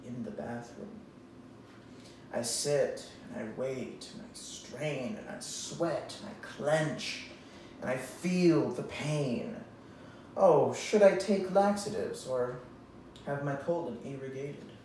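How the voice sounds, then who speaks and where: A young man giving a mock-serious dramatic reading, with the hammy, theatrical pauses of a stage actor. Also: medium pitch, darkish tone. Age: young adult. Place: indoors in a bare, echoey room. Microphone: distant camera microphone. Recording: very echoey room, far microphone, faint noise.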